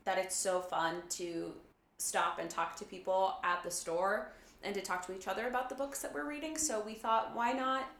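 A woman's voice: medium pitch, steady tone, normal speed, a bit bright, reverberant. A young woman co-hosting a podcast in casual chat, laughing, candid and profane. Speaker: podcast co-host; bookstore worker.

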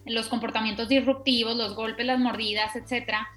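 Woman, kinda high voice, casual parenting chat, lots of examples, faint music behind. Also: flat delivery, fairly quick, fairly bright tone. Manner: explains steadily with many examples. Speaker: parenting podcast co-host.

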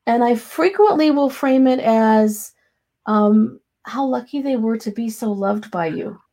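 A woman's voice: on the high side, lively intonation, a little slow, mellow. A woman therapist co-hosting a chat show, speaking in a supportive, wry way. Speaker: therapist and co-host. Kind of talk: casual conversation.

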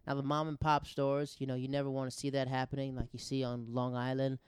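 Hosting a show, a man raised in the Netherlands and Japan talks conversationally about social issues, frequently performing the lines he quotes. He speaks a little fast in a mid-range voice with a completely flat delivery and clean tone, free of echo.

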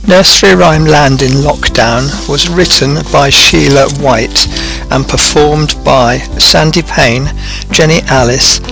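A man narrating and reading credits in a measured, scripted way. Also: fairly high pitch, vocal fry, music in the background.

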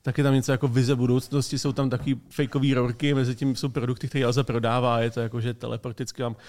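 A man's voice: medium pitch, flat delivery, darkish tone. A young man co-hosting a casual tech podcast, explaining ideas at length in speech with joking asides. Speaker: podcast co-host.

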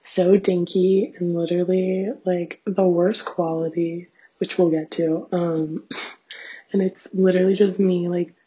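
Young woman, raspy, vocal fry, dark mellow tone, casual rambling diary chat, filler-heavy, lo-fi muffled sound. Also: lowish voice, level tone, unhurried. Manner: rambling, self-deprecating, filler-heavy with frequent "like". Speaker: host of a personal audio diary. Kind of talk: casual chatty solo diary. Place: small bathroom at home, sitting on floor. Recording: dull, lo-fi home recording.

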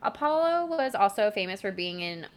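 A woman's voice: mid-range voice, very animated, normal speed. A woman co-hosting a podcast, casually retelling a myth in a chatty way with frequent giggles. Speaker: podcast co-host. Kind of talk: casual storytelling chat.

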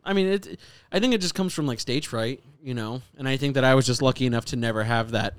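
Talkative, smooth-voiced young man on a podcast. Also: mid-range voice, quick pace, dry recording. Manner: animated storyteller, profane, talkative, acts out quotes. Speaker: podcast co-host. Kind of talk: casual podcast chat.

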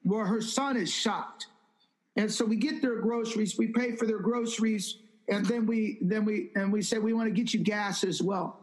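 A man with a light, high voice recounts a testimony as an interview guest. He tells it with animated, emphatic repetition and slips into acting out the people he quotes. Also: moderate pace, low-quality recording. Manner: animated storyteller who acts out quoted speech. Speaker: evangelist guest.

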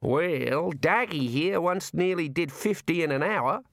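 A man voicing wry, deadpan male farmhands who drawl slowly. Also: a little high, creaky, no room sound, clean studio sound, pitched above the performer's own voice. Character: dry-witted rural male shearers.

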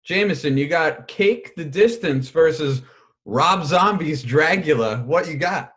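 Lively, wry male podcast host. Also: a little high, a little slow. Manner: lively, wry, runs the segment. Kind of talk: casual chat.

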